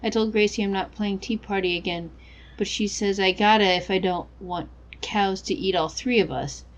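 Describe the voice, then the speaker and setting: A woman's voice: medium pitch, moderate pace, highs cut off, natural voice. A woman voicing a naive, uneasy young country girl, reading her diary aloud in a game. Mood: sad, reluctant.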